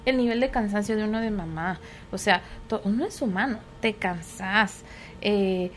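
A woman's voice: mid-range voice, moderate pace, a little hiss or hum. A middle-aged woman, a psychologist, explaining things patiently in conversation and often checking that her listener agrees. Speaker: psychologist guest.

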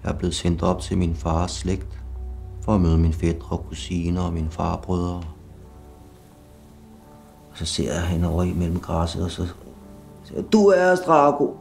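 A middle-aged man telling his own life story in a slow, blunt, confessional way, with bursts of swearing. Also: low voice, monotone, creaky, mellow. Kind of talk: personal testimony narration. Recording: music playing behind.

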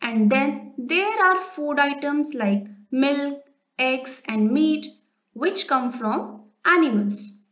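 A high-voiced Indian woman, a school science teacher, reads aloud and explains a children's textbook lesson slowly and didactically, questioning children with tag questions. Her intonation is lively and her tone a bit bright. The recording has a roomy echo and a dull, lo-fi sound.

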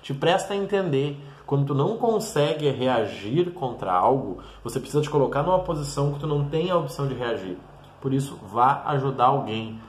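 A man's voice: mid-range voice, lively intonation, a little fast. A man talking bluntly and emphatically straight to the viewer in a motivational monologue. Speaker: mentor and vlogger. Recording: roomy echoey room.

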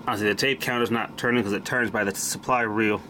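A hobbyist repairer shows off a vintage machine, keeping up casual, blunt, salty commentary as he works on it by hand. His voice is lowish and steady, and he talks quickly. The audio comes from a noisy amateur camera, with mechanical hum underneath.

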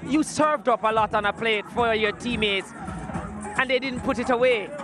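A man's voice: very high voice, a little slow, over music. A man interviewing a player after a match, praising him and asking leading questions. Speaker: pitchside interviewer.

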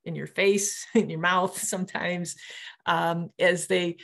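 A woman's voice: on the low side, slow pace, gravelly. A woman hosting a nature show, talking casually over her slides with plenty of ums and restarts. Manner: relaxed, many ums and restarts.

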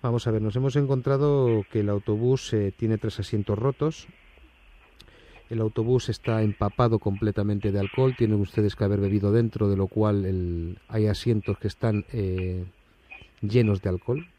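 On a prank phone call, a man with a Spain Spanish accent plays an indignant, bullying company manager, alternating stiff, hesitant formal phrases with blunt, coarse threats. His natural voice is pushed below its usual pitch, lowish, dark and steady at normal speed, with slight hiss or hum.

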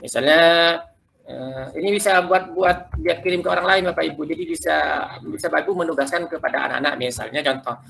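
A man leading a quick, loose tutorial for teachers, talking them through slides step by step. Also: a little high, gravelly, fairly bright tone, slight background noise. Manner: quick, loose explaining, keeps addressing listeners as "Bapak Ibu". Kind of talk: live screen-share tutorial.

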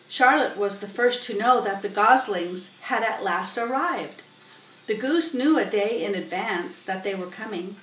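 A middle-aged woman with a fairly high voice reads a children's storybook aloud in a small room. A webcam a little way off gives a roomy, distant sound with a bit of hiss or hum.

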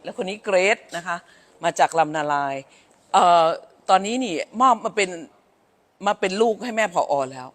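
A woman's voice: mid-range voice, animated, moderate pace. Woman from Thailand, school director, effusive and repetitive in her greetings. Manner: effusive, repeats phrases. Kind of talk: welcoming a grandmother on camera.

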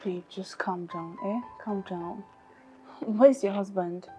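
A caring young Nigerian woman soothes her friend in a film drama, her reassuring voice set against a clear bed of background music, played by an actress. Her pitch sits at an average level. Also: moderate pace, close to an everyday voice. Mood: soothing. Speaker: friend comforting a distressed woman. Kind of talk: Nollywood film acting.

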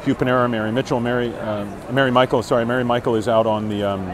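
On a live phone stream from a crowded street fair, a Broadway actor in his forties chats casually with viewers at a quick pace. His medium-pitched voice holds a steady tone, upbeat and packed with fillers. He talks into an earbud headset mic with the phone at arm's length as the street crowd murmurs in the background.

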